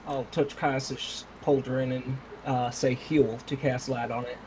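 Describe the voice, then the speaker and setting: A man's voice: medium pitch, flat delivery, a little slow, darkish tone, a little hiss or hum, rough recording. A man with a Southern US accent playing a tabletop game, talking in a friendly, slightly hesitant way. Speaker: player. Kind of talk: tabletop game chat and in-character talk.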